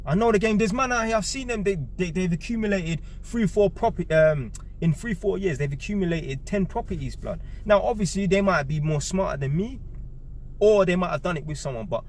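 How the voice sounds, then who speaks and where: A man's voice: high-pitched, brisk, slight background noise. A man, giving a blunt, emphatic monologue to camera, repeating key words and swearing freely. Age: 30s. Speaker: vlogger.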